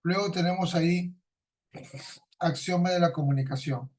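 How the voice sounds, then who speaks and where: A man's voice: high voice, moderate pace, darkish tone. A man teaching a class, explaining through everyday examples, repeating his points and tagging nearly every sentence with a questioning "no?". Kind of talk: lecturing a class.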